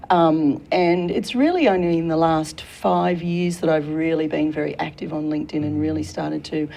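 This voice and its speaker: An Australian career consultant in her forties appears as a guest in a studio interview, warm and enthusiastic and laughing often. Her voice is low and steady with some vocal fry, at a normal speed.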